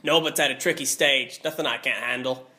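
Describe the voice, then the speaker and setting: A woman voicing a huge, soft-hearted male gamekeeper in a deep, gruff but tender voice. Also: steady tone, brisk.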